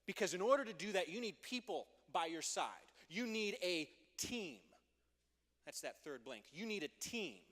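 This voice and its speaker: A man preaching a youth group sermon as youth pastor, playful and energetic, joking with the teens before turning earnest. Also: sits high, moderate pace. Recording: long hall reverb.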